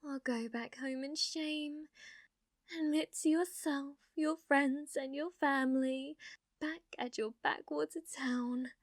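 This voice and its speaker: A high-pitched woman performs an ASMR villainess role, a haughty, sadistic young noblewoman who taunts theatrically and keeps dipping into breathy whispers. It's studio quality with no echo.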